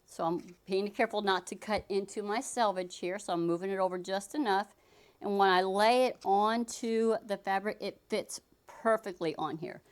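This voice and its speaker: This sewing instructor speaks in a smooth, mid-range voice at a moderate pace during a casual tutorial. She talks while working the fabric, chatting through each step and frequently beginning again.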